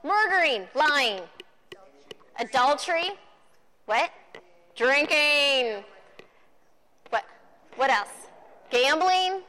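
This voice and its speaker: Animated high-voiced woman preaching. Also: very slow, long pauses. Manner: animated, playful retelling with audience questions. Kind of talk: lively sermon to a group. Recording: reverberant hall.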